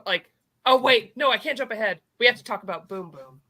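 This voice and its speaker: A woman with a bright, forward voice co-hosts a casual comic book chat. She is gushing and enthusiastic, and slips into quoting characters as she retells the story. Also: a little high, brisk. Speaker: co-host of a comic book review show.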